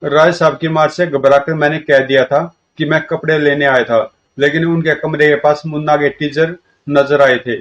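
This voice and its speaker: A man reading a comic story aloud and voicing all of its characters in a lively way. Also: a little high, moderate pace. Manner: lively, shifts between characters' lines. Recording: dull lo-fi recording.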